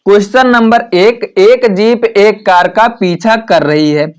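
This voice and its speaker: Male math tutor, pitched high, patient stepwise explanations for exam students. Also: slow pace, clean tone. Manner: explains step by step with frequent "ठीक है" fillers. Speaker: math teacher. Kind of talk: exam-prep math lesson.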